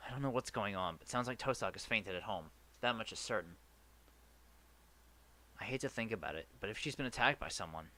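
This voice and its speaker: A man's voice: fairly low pitch, brisk. Man earnestly reading game narration aloud. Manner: earnest first-person narration with a lively delivery and some stumbles. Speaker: let's play host reading the visual novel aloud. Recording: faint game music behind.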